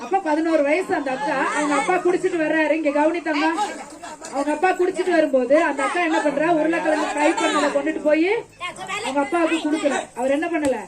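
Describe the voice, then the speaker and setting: A high-pitched woman tells a Bible story to a group of children. She peppers them with questions and coaxes them fondly as she goes. Children's chatter fills the background of this outdoor recording. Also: steady tone, fast talker. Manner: keeps asking the children questions and answering them; coaxing and affectionate with the children. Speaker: children's ministry teacher. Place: outdoors during rain. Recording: children's chatter all around.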